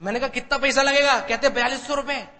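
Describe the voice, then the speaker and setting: A man telling his story to an audience as a motivational speaker, animated and acting out the dialogue. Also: very high-pitched, fast. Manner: animated, acts out dialogue, mixes in English. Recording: long hall reverb.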